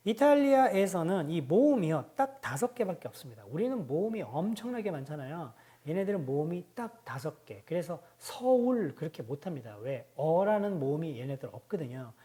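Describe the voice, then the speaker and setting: A middle-aged woman teaching a pronunciation lesson, explaining step by step and repeating example words slowly. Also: lowish voice, mellow. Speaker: language teacher, book author.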